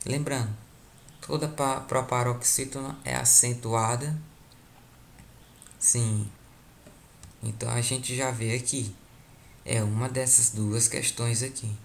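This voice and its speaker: A man with a Brazilian Portuguese accent talks through a test like a patient teacher, repeating each point and checking that everyone follows. His voice sits at an ordinary middle pitch. A faint hum of ambience sits under the recording. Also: creaky. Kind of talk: explaining a school test.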